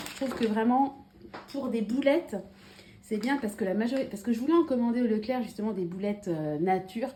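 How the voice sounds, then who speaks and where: A woman's voice: medium pitch, noisy background. A woman in her thirties chatting casually at home as a family vlogger, unpacking a grocery haul with many fillers and restarts. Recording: echoey room with faint ambience.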